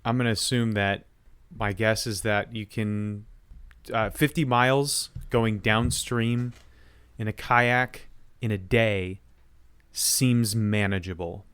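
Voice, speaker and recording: A man's voice: on the low side, fairly even intonation, slow, a bit bright, clean tone, dry recording. A man co-hosting a casual podcast quiz, thinking aloud with hesitant fillers and restarts. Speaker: co-host.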